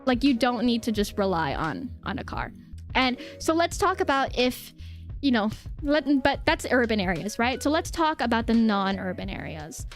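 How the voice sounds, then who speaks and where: High female voice, livestream host, casual explainer, informal, giggly, repeats phrases, music in background. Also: very animated, normal speed.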